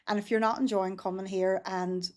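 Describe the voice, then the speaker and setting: A woman's voice: medium pitch, flat delivery, moderate pace, a little mellow. A woman, a business founder talking frankly in a casual interview. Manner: frank and earnest, with frequent 'um' and restarts. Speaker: business founder, podcast guest.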